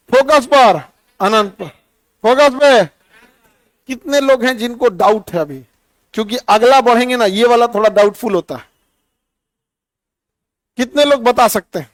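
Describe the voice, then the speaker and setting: A man's voice: extremely high pitch, no room sound. A middle-aged man teaching a physics lesson in a classroom, quizzing and teasing his students by name.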